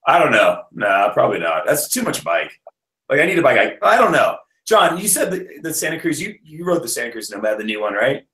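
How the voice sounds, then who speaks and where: A man's voice: medium pitch, sing-song, brisk, a bit bright, roomy sound. A man in his thirties hosting a casual mountain biking live stream over a video call, rambling with restarts.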